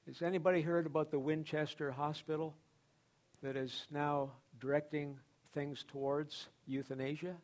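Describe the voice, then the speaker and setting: A male pastor preaching a sermon, emphatic, repeating phrases and swinging between loud declarations and quiet asides. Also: on the high side, level tone, moderate pace.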